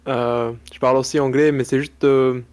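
Moroccan male guest analyst, Arabic native, halting, searches for words, level pitch. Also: little pitch movement, a little mellow, clean tone. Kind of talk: casual interview chat.

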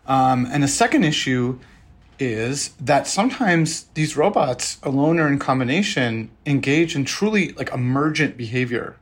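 A man's voice: mid-range voice, lively intonation, moderate pace. Conversational man, an expert interview guest.

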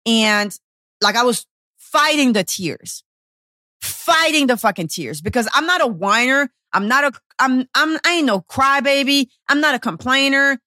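A woman's voice: high-pitched, lively intonation, measured pace, sharp tone, no echo, studio quality. A woman in her thirties, a personal trainer hosting a podcast, telling a personal story in a blunt, profane, emotional way. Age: 30s.

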